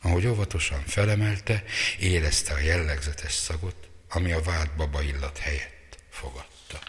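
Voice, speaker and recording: A man reading a story aloud in a measured, dramatic way. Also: extremely low pitch. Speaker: narrator. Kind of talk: scripted story narration. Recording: long reverb.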